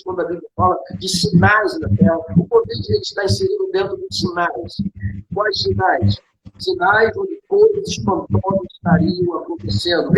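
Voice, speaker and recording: Brazilian man, preaching style, high bouncy voice, asks and answers his own questions, echoey room with faint noise. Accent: Brazilian Portuguese. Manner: emphatic, asks rhetorical questions and answers them himself. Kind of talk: preaching in a conversation.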